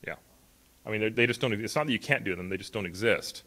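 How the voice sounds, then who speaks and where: A middle-aged man with a low, slightly bright voice talks fast from a podium on a large stage at a conference, and he isn't a native Hawaiian speaker. His loose, conversational delivery is packed with ums, you-knows, restarts and self-corrections, picked up by the podium mic and filmed from far back.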